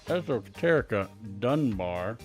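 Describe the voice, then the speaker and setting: A man's voice: medium pitch, big pitch swings, a little slow, over music. A man hosting a livestream in a casual, chatty, jokey way, talking straight to his viewers. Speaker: live stream host.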